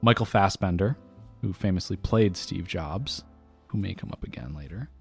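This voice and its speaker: A man co-hosting a podcast, reading trivia facts in a laid-back, deadpan way during casual chat. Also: low-pitched, normal speed, vocal fry, breathy edge, faint music behind.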